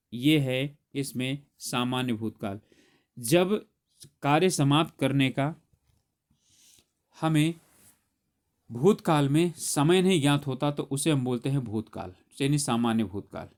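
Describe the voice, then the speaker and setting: A man teaching grammar, solving an exam paper aloud step by step and correcting himself as he goes. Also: medium pitch. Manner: explains step by step, corrects himself mid-sentence.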